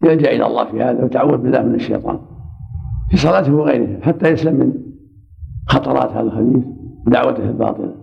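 A man leads a religious lesson as a sheikh, explaining texts at a quick clip. His voice is gravelly. The recording is dull and lo-fi. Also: medium pitch. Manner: explains texts, answers students' questions. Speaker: sheikh teaching hadith. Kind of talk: hadith lesson with questions.

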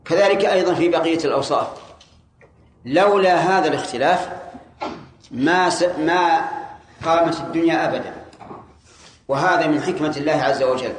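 A man's voice: a little high, moderate pace, long pauses. A man teaching a classroom lesson on Quran commentary, explaining the text step by step and putting questions straight to his students. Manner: explanatory, quizzes students directly. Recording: echoey room with faint hiss.

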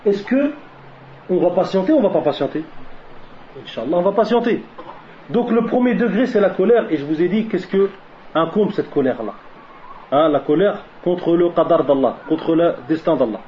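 A man giving a religious lesson who keeps asking questions and answering them himself, mixing Arabic religious phrases into his French and repeating key lines for emphasis. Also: sits high. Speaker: preacher. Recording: dull lo-fi recording with faint noise.

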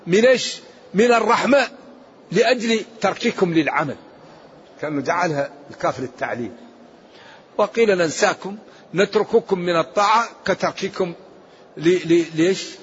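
A man giving a Quran commentary lesson as a religious scholar, emphatic and rising sharply when he recites verses. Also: sits high. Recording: dull lo-fi recording with faint hiss.

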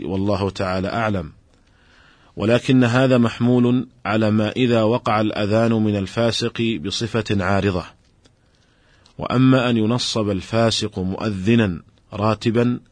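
A man giving a formal religious lesson, explaining rulings in a measured, explanatory way and addressing his listeners directly. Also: on the low side, no echo. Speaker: Islamic scholar giving a lecture.

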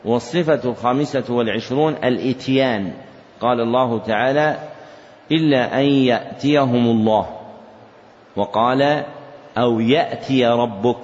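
A man's voice: medium pitch, a little mellow. Man dictating a lesson in a reverberant hall. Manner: repeats each phrase slowly for note-taking; recites verses in a chanted tone. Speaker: religious teacher. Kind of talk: dictated lesson explaining a text. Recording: dull lo-fi recording in a reverberant hall.

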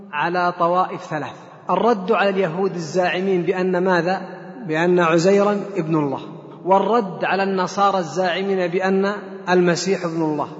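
A high-voiced man gives an explanatory religious lecture. He poses questions to his audience and answers them himself. His voice carries a long hall reverb on a dull, lo-fi recording. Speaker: Quran teacher. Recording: echoey hall, dull lo-fi sound.

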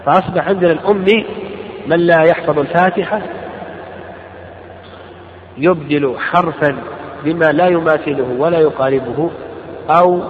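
A man teaching a lesson on a classical legal text. He reads lines aloud slowly, then explains and repeats them. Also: on the high side. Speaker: teacher of Islamic law. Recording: roomy hall recording, dull sound, crowd behind.

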